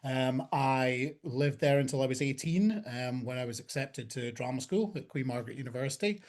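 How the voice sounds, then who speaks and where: A Scottish man in his forties, a talent agent guest, talking in a relaxed, chatty way with many ums. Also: medium pitch, normal speed. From Scotland. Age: 40s. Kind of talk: casual conversation.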